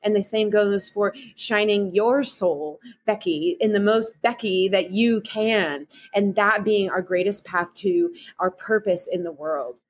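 A woman's voice: mid-range voice, measured pace, hardly any pauses, breathy edge. A woman with a Midwestern accent, talking as an upbeat, chatty guest author in a podcast interview, often saying "like". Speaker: guest author and meditation guide.

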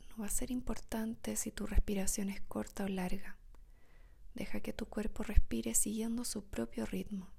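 A woman whispers a guided meditation in the soothing manner of a sleep story narrator, speaking softly with long pauses. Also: mid-range voice, steady tone, vocal fry, husky.

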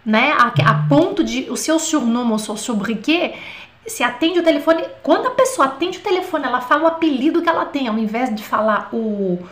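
A woman's voice: high-pitched, a bit bright. Chatty woman teaching French. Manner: chatty, with frequent "tá?" checks. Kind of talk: live online language lesson. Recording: roomy echo.

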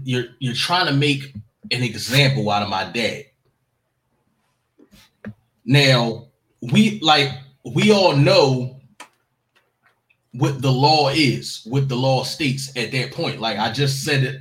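A man's voice: mid-range voice, fairly bright tone, low-quality recording. Forties man, storyteller type, laid-back conversational delivery, lots of restarts. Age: 40s. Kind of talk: casual chat.

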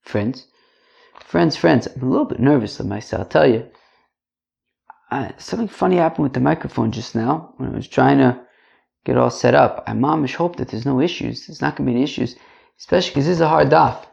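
Guy teaching class, chatty, gravelly, repeats himself and asks the students questions, kinda muffled lo-fi mic. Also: medium pitch, a little fast, a little mellow. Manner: chatty, repeats phrases, checks in with rhetorical questions. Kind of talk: informal religious lesson, teacher to class. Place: indoors.

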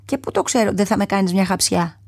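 A woman voicing a small, brave young male sewer mouse in a storybook, speaking eagerly and earnestly in a higher voice. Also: vocal fry, no room sound, studio quality. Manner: eager, earnest, higher and brighter than her narration. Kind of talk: storybook character voice.

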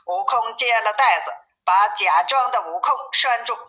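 A woman reading a classic novel aloud as a storyteller, in steady, even narration, with a tinny phone-like sound. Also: on the high side, moderate pace.

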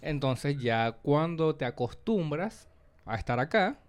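A young Venezuelan man and comedian co-hosting a casual podcast chat, full of slang and quick impressions of others. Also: on the high side, smooth. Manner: animated, slangy, quotes others in voices.

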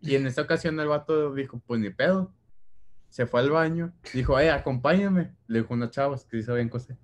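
A man's voice: medium pitch, fairly quick. Young Mexican man telling a story. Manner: animated storyteller who acts out the scene with sound effects and slang. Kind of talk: casual chat among friends.

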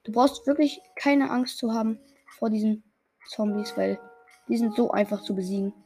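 A woman's voice: a little high, moderate pace, warm tone, faint music behind. A young woman in casual gameplay chat, talking another player through a game in a reassuring, slangy way. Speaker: player coaching another gamer.

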